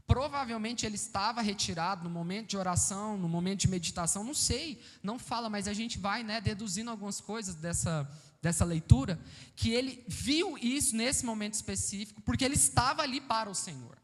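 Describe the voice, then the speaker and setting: A man's voice: sits high, fairly quick. A man with a Brazilian accent preaching a sermon, explaining a passage and asking the congregation questions. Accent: Brazilian Portuguese. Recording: reverberant church hall.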